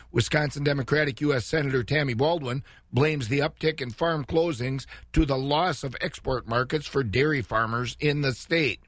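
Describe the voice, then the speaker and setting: A man's voice: a little high, dry recording, studio quality. A man hosting morning radio and reading the local news. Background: faint music.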